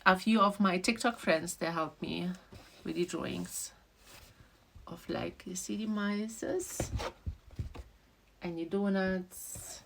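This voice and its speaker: A woman from Trinidad and Tobago, a children's book author and illustrator talking in a casual vlog. She talks haltingly, often repeats and restarts phrases, and her voice drops soft and low. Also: steady tone, creaky, slight background noise. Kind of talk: casual emotional vlog talk.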